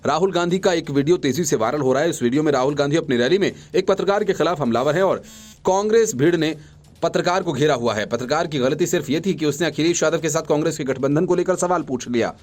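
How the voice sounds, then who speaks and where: A man reading scripted news reports as a voice-over, in a brisk and emphatic bulletin style. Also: fairly high pitch. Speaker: news reader.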